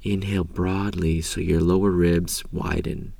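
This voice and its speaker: A man guides a meditation in a very low, soft voice. His delivery is calm and unhurried, with long pauses and a gravelly creak as phrases trail off gently. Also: no echo. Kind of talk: slow guided meditation narration.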